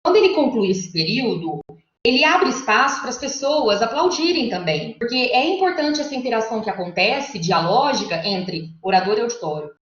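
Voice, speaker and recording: Over echoey, muffled video call audio, a woman gives an academic lecture in a fairly high, sing-song voice at a fairly quick pace. She moves step by step through the material. She checks in with her listeners often.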